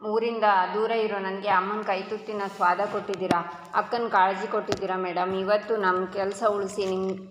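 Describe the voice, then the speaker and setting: A woman's voice: medium pitch, flat delivery, moderate pace, fairly bright tone, slight background noise. A woman narrating a recap of a serial episode, reading every character's lines in her own voice. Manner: retells dialogue in quotes with little change of voice. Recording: echoey, dull lo-fi room sound.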